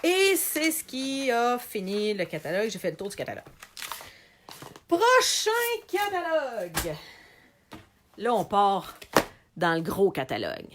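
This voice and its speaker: A woman's voice: medium pitch, moderate pace, noisy background. A middle-aged woman with a Québécois French accent, chatting live to viewers while showing craft products for sale. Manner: chatty, animated, talks to viewers directly. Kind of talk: live video sales chat.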